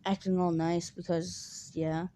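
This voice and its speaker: A woman with a low, mellow voice talks slowly through a fan story, rambling and leaning on fillers. She drifts into quick snippets of the characters' lines as she goes. Her tone stays relaxed and chatty. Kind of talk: casual rambling story retelling.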